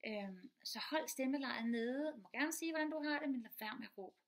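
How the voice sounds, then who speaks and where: Woman, middle-aged, quick talker, slightly high voice, lots of fillers. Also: animated. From Denmark. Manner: fast-talking, many fillers and restarts. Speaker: teacher and mother giving advice. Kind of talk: casual advice talk.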